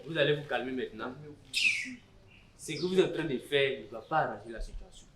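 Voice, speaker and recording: An actor playing a patient village chief who mediates a land dispute, speaking with calm authority in Ivorian French. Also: male voice, mid-range voice, a little fast, roomy sound, crowd noise, close to an everyday voice. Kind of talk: community theatre acting.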